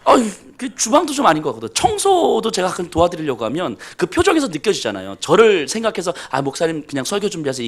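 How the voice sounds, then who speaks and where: A man pastor preaching a sermon, telling self-deprecating stories with humor. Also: a little high.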